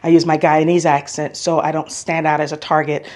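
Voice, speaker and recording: This woman from the United States speaks in a low, slightly mellow voice with a flat, brisk delivery. A travel vlogger, she chats casually and offers strong opinions, repeating things for emphasis.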